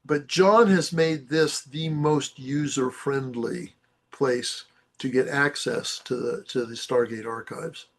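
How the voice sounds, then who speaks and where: A man, a native English speaker with an English accent in German, presenting informally and haltingly, slipping between the two languages. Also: medium pitch, fairly even intonation, vocal fry.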